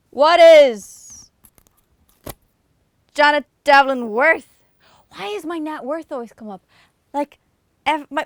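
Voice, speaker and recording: A young Irish woman with a Northern Irish accent and a slightly high voice chats casually to camera, answering autocomplete questions about herself as a singer. She's self-mocking, and the recording is dry.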